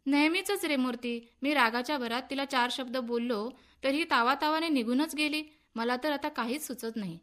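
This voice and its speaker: Short-tempered young husband, griping and scolding, read by a woman in a high voice for a radio story. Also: fairly bright tone. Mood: distraught. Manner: complaining, quick to anger. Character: irritable, egotistic young husband.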